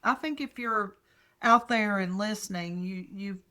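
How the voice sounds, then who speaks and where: This older woman's voice is medium in pitch, pushed, and bright. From a hotel room, she co-hosts a casual podcast, telling stories at a slow, rambling pace and restarting her sentences.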